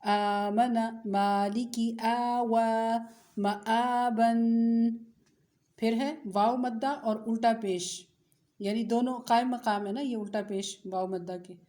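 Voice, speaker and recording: In an echoey room, a woman with a Pakistani Urdu accent teaches tajweed in a recorded recitation lesson, explaining patiently and drawing out example words. Her voice is a little high and dark in tone, at normal speed.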